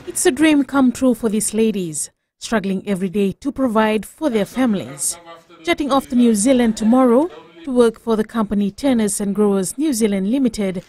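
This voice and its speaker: Woman, higher voice, scripted news reporting. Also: normal speed, dark tone.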